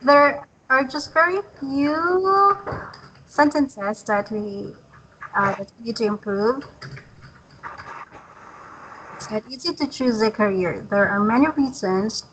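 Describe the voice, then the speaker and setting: A woman's voice: on the high side, expressive, takes it slowly, long pauses, noisy background. A woman tutoring English pronunciation, patient and encouraging, laughing often. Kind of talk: online one-on-one pronunciation lesson.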